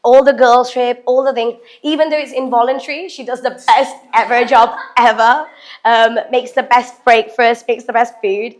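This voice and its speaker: A young woman, raised in England, giving a halting speech full of fillers and introducing her family. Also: on the high side, little pitch movement. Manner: halting, with fillers and frequent laughs, mixing English and Malayalam. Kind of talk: affectionate speech, then casual chat. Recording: crowd chatter behind.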